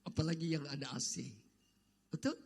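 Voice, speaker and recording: A man preaching a Sunday sermon in an emphatic, exhorting manner with a raspy voice, putting repeated questions to the congregation. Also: fairly high pitch, steady tone, normal speed, a little mellow, a little hiss or hum. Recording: echoey hall with long reverb.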